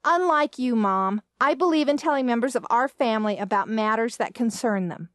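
A woman voicing an indignant, excitable grown daughter who complains loudly in a storybook reading. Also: on the high side, normal speed, no room sound, clean studio sound, natural voice. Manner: outraged, complaining.

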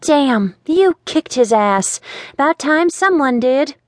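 A woman's voice: high voice, lively intonation, slow, no echo, clean studio sound, pitched above the performer's own voice. A woman voicing a small, brash woman with a pinched voice in an audiobook. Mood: gleeful.

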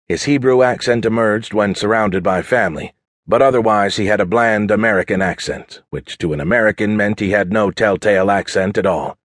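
A man narrating an audiobook thriller in a steady, measured read. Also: fairly low pitch, no room sound, clean studio sound. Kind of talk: scripted narration.

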